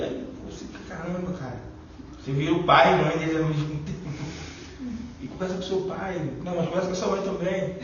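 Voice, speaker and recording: A man's voice: fairly high pitch, slight background noise. A middle-aged man with a Brazilian Portuguese accent sharing a rambling, informal testimony at a Bible study, full of fillers. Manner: chatty, rambling, fillers like "né" and "e tal". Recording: echoey, distant, dull lo-fi room recording.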